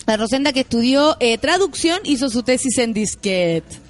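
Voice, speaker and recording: A Chilean woman with a high voice co-hosts a loose, casual chat. She reads listener comments aloud in quick, lively bursts and jokes along with them. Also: a loud crowd. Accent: Chilean Spanish. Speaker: co-host reading listener comments.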